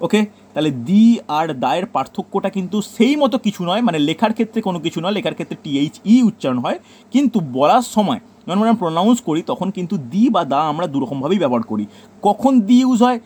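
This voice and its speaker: A male teacher with a Bengali accent gives a classroom grammar lesson. His voice sits slightly high and has a mellow, dark tone. He keeps repeating key points and tells the students to note them down, with a faint hiss of noise under the recording.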